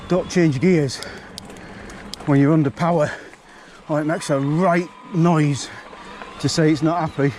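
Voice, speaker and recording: A man's voice: on the high side, steady tone, measured pace, a little mellow, a little hiss or hum. A man, a bit out of breath, chatting bluntly to camera while riding an e-bike up a forest trail. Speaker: mountain biking vlogger.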